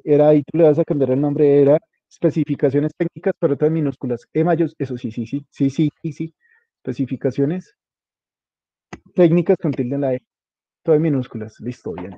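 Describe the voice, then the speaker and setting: A man walks a student through a task, casual and hands-on, spelling out every detail. His voice sits a bit high. The sound is dull and lo-fi, close and dry. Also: normal speed, warm tone, no room sound. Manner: informal, coaching, spells out details. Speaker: instructor. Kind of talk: guiding a student through a web page setup.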